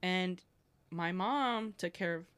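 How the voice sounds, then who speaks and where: A woman's voice: fairly low pitch, slow, fairly bright tone, smooth. A young woman co-hosting a podcast, talking in a reflective, hesitant way full of fillers. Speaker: podcast co-host. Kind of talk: candid podcast chat.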